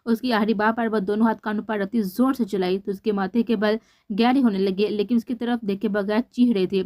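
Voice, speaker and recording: A woman with a Pakistani Urdu accent, reading a romance novel aloud in a plain, steady way and lightly voicing the dialogue. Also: medium pitch, fairly quick, dry recording. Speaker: novel reader.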